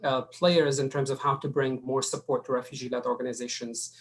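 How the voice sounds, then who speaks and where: Flat-toned man from Syria. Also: mid-range voice, fairly quick, rough recording. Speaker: panelist. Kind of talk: seminar introduction.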